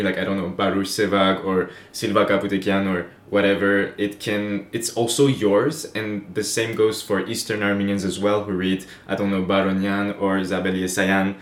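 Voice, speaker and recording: A young man from France with a French accent, co-hosting a podcast in casual, chatty talk. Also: lowish voice. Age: young adult. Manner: relaxed, chatty, laughs easily. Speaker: podcast co-host. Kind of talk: casual chat. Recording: echoey room.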